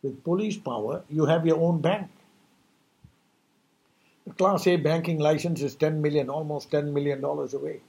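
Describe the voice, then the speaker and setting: An emphatic, preachy man with a fairly high voice, delivering an impassioned New Year monologue. He hammers his points home and keeps throwing out rhetorical questions. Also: steady tone, normal speed, vocal fry, long pauses, darkish tone. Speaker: speaker giving a New Year message.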